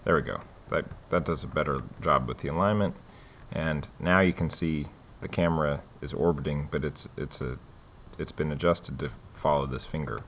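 In a laid-back screen-recorded tutorial, a very low-voiced man talks in a loose, halting way, often restarting and using plenty of fillers. Light hiss sits behind his voice.

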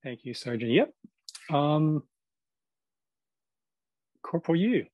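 A man's voice: a little high, very animated, takes it slowly, darkish tone, no echo. A man hosting a commemorative video call, casually calling on guests one by one. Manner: casual, friendly, calls on guests by name. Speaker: event host.

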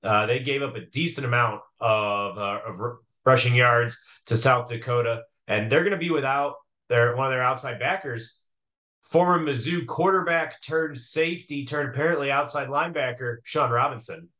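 In casual sports talk on a podcast he co-hosts, a man chats about football with a bright, forward voice of medium pitch. He speaks at a normal pace but keeps pausing and starting over, using fillers as he thinks aloud.

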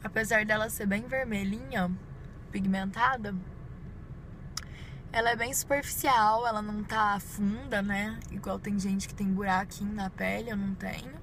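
This woman's voice is mid-range and fairly bright: a Brazilian beauty vlogger in her twenties with a Brazilian Portuguese accent, talking informally to viewers as she does her makeup in a parked car. A phone at arm's length picks her up, along with clear vehicle and ambient noise.

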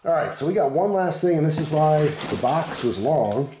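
A man with a hoarse, congested voice from the flu, casually reviewing gear in a laid-back, chatty way. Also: a little high, animated, normal speed, mellow, slight background noise. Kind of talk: casual unscripted product commentary. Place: indoors at a wooden table.

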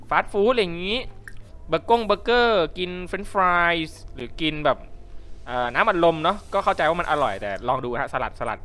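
Lively bright-voiced young man streaming a game. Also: a little high. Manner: playful, chatty, addresses viewers. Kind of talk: casual gameplay commentary. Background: faint game music.

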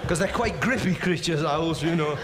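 A man from England doing rambling stand-up comedy, excitable and digressive, who often breaks into quick voices. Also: on the high side, a crowd in the background. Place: live comedy venue. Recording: long reverb and clear background noise in a venue.

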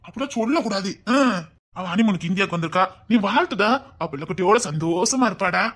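In a comedy sketch, an actor with a Tirunelveli Tamil accent plays a young man teasing his heartbroken friend mockingly. His voice is high, animated, quick, a bit bright and exaggerated, in the style of comic banter.

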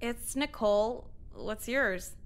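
An actress voicing an apathetic, sarcastic teenage girl in a video game, deadpan and crude. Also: on the high side, slow pace, creaky, clean tone.

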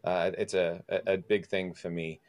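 A man's voice: sits low, little pitch movement, moderate pace. A man hosting a podcast, chatting casually and often restarting his sentences with small stammers. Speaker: podcast host.

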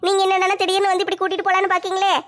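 A woman's voice: very high-pitched, monotone, rapid-fire, fairly bright tone. A woman playing a fussy doting mother-in-law. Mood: pleading. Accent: southern Tamil Nadu. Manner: fretful, pleading.

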